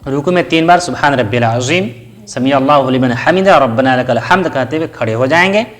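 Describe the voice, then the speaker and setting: A man's voice: medium pitch, a little fast, a bit bright. A man giving a step-by-step lesson in a patient teaching manner, asking questions and answering them himself and reciting short Arabic prayer phrases. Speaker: religious teacher.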